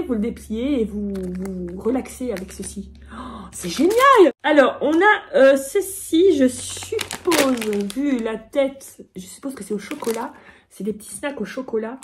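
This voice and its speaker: A bubbly woman chats to the camera as she unboxes a parcel, her voice sitting a little high. She gets excitable and giggly. A faint background hiss runs under the recording. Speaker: vlogger. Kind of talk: casual unboxing vlog.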